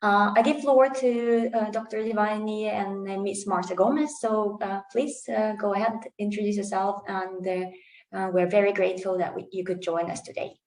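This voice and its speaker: A woman opens a webinar as host over a video call. Her voice sounds far from the mic in an echoing room and has a gravelly edge, and she speaks haltingly with many fillers. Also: mid-range voice, fairly even intonation, a little mellow. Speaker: seminar host. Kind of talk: webinar introduction. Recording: roomy, distant mic.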